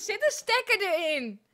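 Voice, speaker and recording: A young woman live-streaming a game, exasperated and swearing, with loud outbursts and a sore throat. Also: high voice.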